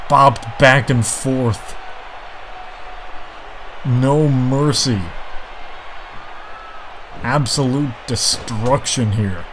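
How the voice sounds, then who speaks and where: Exclamatory male wrestling commentator, noisy background. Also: mid-range voice. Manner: exclamatory, dramatic, emphatic reactions. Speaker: professional wrestling play-by-play commentator.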